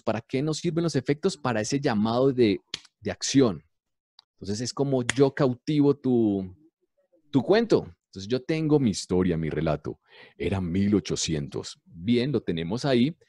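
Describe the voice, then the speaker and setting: A man who teaches and produces university radio, explaining storytelling in a lively way and answering his own rhetorical questions. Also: medium pitch, no room sound, studio quality. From Colombia.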